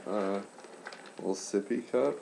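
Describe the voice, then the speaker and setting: A man in his late twenties chatting casually in a subdued, halting way, with congested, slightly impaired speech after nose and throat surgery. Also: fairly low pitch, vocal fry, dark tone, slight background noise. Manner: subdued, keeping voice down for a sleeper; halting, trailing pauses. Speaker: patient sharing surgery recovery. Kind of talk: casual vlog chat.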